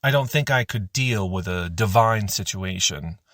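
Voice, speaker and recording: A man narrating a first-person adventure audiobook in an expressive, animated reading style. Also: on the low side, unhurried, dry recording, studio quality.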